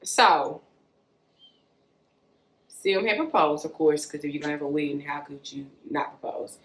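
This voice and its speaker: A woman's voice: low-pitched, unhurried. A woman co-hosting a podcast, recapping a book's plot in a casual, slangy storytelling way. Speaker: podcast co-host. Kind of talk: casual book review chat. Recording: echoey room.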